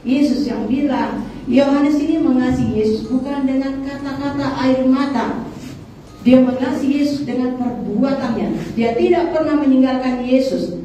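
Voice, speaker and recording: High-voiced woman preaching in an echoey church. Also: normal speed, mellow, far from the mic, a little hiss or hum. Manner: rhetorical questions, addresses the congregation as saudara. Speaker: pastor. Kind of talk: sermon. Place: large echoey church hall. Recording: very echoey church hall, voice from afar.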